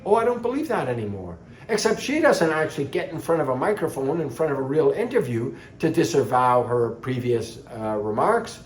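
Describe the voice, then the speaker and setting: A man from Canada, giving a scornful, sarcastic political monologue. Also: on the high side. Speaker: political commentator. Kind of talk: opinionated monologue. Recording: echoey room.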